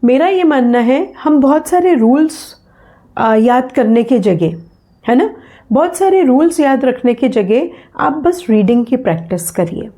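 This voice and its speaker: A woman teaching English phonetics in a slow spoken lesson, patiently repeating sounds and example words for her learners. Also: sits high, animated, warm tone.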